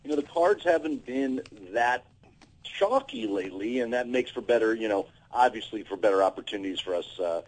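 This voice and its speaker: Lively-voiced handicapper calling in. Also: male voice, mid-range voice, fairly quick, vocal fry, low-quality recording. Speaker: horse racing handicapper. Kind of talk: radio guest chat.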